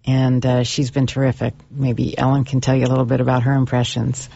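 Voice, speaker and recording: A woman's voice: extremely low pitch, completely flat delivery, brisk, vocal fry, mellow, breathy edge, no room sound, muffled recording. A woman university instructor answering radio interview questions hesitantly, with many ums.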